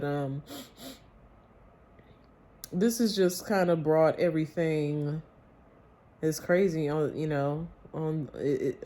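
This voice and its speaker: A woman speaking candidly in a personal vlog, confiding and reflective, with halting phrases and pauses. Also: sits low, dark tone. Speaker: vlogger.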